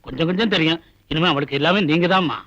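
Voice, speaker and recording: An actor playing a deferential Malayali father in a film comedy-drama, speaking simple, halting Tamil with a Malayalam accent. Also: fairly high pitch, over loud music, natural voice. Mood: humble, polite. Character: deferential Malayali man posing as a girl's father. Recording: muffled lo-fi film audio.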